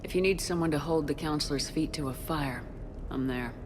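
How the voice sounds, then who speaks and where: A woman's voice: low voice, a little fast, long reverb tail, noisy background, natural voice. A woman voicing a plain-spoken, loyal military commander in a video game. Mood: subdued, supportive.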